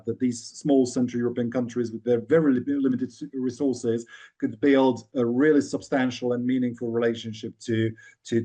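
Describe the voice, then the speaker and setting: A man from Hungary speaks as a panel discussant over a video call. His voice is mellow and dark. He talks in a measured, academic way, often restarting his phrases. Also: medium pitch. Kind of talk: webinar panel commentary. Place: Budapest, remote video call.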